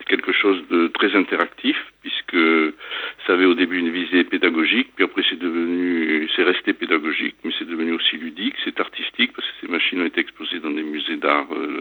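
Deep-voiced man on a tinny phone line. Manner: hesitant, trails off quietly at phrase ends. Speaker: museum founder, guest. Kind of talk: phone interview.

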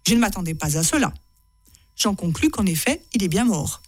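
A woman's voice: mid-range voice, very animated, fairly quick, no echo. A woman author reading excerpts from her own writing to an audience, chatty and self-mocking, often laughing at her own lines.

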